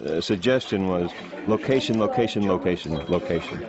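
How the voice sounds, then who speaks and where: A man voicing a halting boastful ex-realtor. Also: deep voice, muffled recording, crowd noise, natural voice. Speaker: therapy patient, former realtor.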